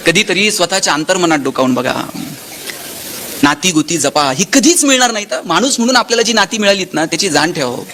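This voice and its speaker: A motivational speaker from Maharashtra, telling anecdotes and acting out the dialogue. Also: male voice, sits high, fast, a little hiss or hum. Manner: animated storyteller, acts out dialogue with shifting tone.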